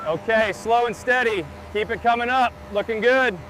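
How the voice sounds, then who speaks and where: A man's voice: extremely high pitch, normal speed, noisy background. A man working as a crew supervisor, giving short instructions in work-site callouts.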